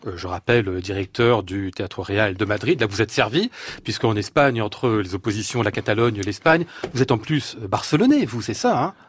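A man hosting a live radio interview, brisk and affirming, following up quickly on his guest. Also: fairly low pitch, expressive, husky. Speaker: radio host. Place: radio studio.

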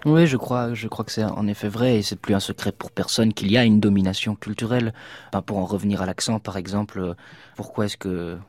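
A man's voice: lowish voice, fairly even intonation, darkish tone, dry recording. A man from Liège, a theatre actor, speaking as a guest in a radio interview. He talks with passion and often restarts his sentences. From Belgium, Liège. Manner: rapid, impassioned, with quick restarts.

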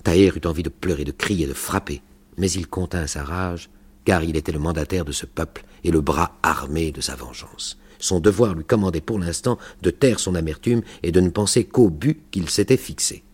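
A man reading a novel aloud for radio in a measured, grave way. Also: deep voice, slightly rough. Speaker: reader.

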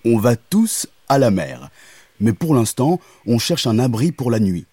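A man voicing a gentle cow who leads her friends in a children's audio story, calm and humming before she speaks. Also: mid-range voice, unhurried, slightly rough.

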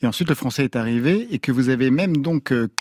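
French radio host asking questions. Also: male voice, medium pitch, expressive, fast talker, a little mellow, breathy edge. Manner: conversational, leading questions. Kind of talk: radio interview.

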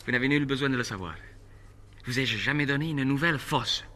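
A man's voice: mid-range voice, a little fast, sharp tone, close to an everyday voice. An actor playing an invisible male spirit messenger, secretive and loyal, in a 1960s radio drama.

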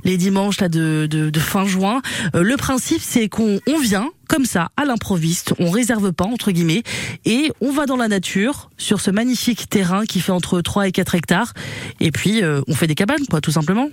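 A man's voice: high-pitched, animated, moderate pace, no room sound. A man hosting a casual radio interview in an informal, chatty way, often rephrasing as he goes. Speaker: radio host.

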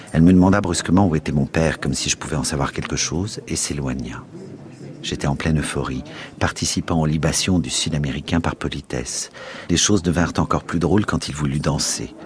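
A male radio host narrating a novel in a steady, expressive reading. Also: rumbling low.

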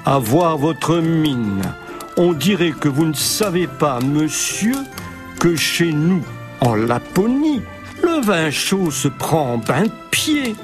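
A man voicing a brisk, bossy old Mother Christmas who talks brusquely and impatiently. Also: fairly high pitch, big pitch swings. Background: music.

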